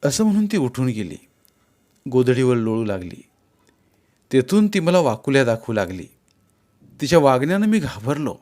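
A man reading a literary story aloud in a measured, unhurried narration. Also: mid-range voice, very animated, darkish tone.

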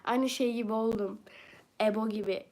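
A woman with a southeastern Turkish accent talks casually on a livestream, reading viewer comments and answering them bluntly. Her voice sits a little high. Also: fairly even intonation, moderate pace, darkish tone. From southeastern Turkey.

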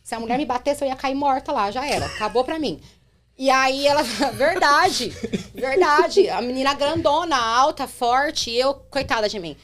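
A young adult woman, a rideshare driver telling a story on a podcast in an animated way. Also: high-pitched, moderate pace, a little hiss or hum. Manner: animated, acts out quotes in her telling.

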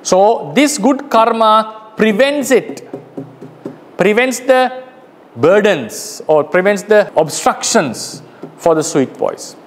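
Man, Sri Lankan accent, Buddhist monk, lecturing, high voice, long reverb. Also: animated. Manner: slow, explanatory, with pauses and self-corrections. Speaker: Buddhist monk teaching a course.

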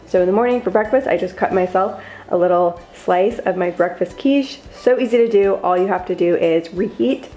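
A woman's voice: mid-range voice, moderate pace, dark tone, roomy sound. Upbeat young woman walking through meal prep. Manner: upbeat, chatty, step-by-step instructions. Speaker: lifestyle vlogger. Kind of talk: cooking vlog voice-over. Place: home kitchen.

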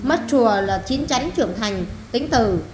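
A woman's voice: fairly high pitch, lively intonation, measured pace, crowd noise. Woman teacher drilling vocabulary. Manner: repeats each word, then explains it plainly. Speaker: English teacher. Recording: echoey room, faint background noise.

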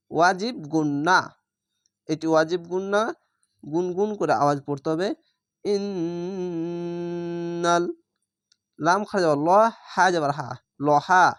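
Patient Quran reading teacher, smooth dry voice. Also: mid-range voice, no room sound. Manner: spells out letters and vowel marks one by one, explains rules patiently; addresses viewers directly, checks understanding. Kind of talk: online recitation lesson.

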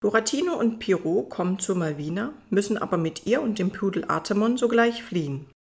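A woman reading a fairy tale audiobook as its narrator, in a calm storytelling manner. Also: mid-range voice, a little fast, gravelly.

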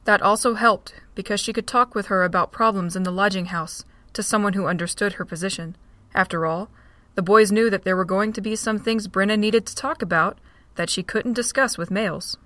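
Brief: woman narrator for a fan audio drama, even and steady, dry close recording. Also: medium pitch, fairly quick, dry recording.

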